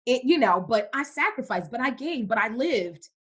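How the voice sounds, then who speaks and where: A woman's voice: a little high, sing-song, moderate pace, husky. A young woman from Cameroon, a podcast guest in casual faith-based conversation, who speaks emphatically and repeats words for stress.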